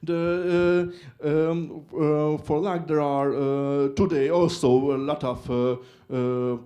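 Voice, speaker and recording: A young man from Hungary with a Hungarian accent gives a short stage talk in halting speech with many filler pauses. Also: a little high, steady tone, mellow, muffled recording. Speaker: student speaker.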